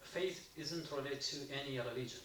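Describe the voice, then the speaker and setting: A man from Iraq asks a halting question in English, his second language, pausing often and restarting his sentences. He is heard from a distance in a reverberant hall. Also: medium pitch, fairly bright tone. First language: not English. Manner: halting, many pauses and restarts. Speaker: audience member asking a question. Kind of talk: hesitant question from the floor. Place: university lecture hall. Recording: echoey hall, far from the mic, faint noise.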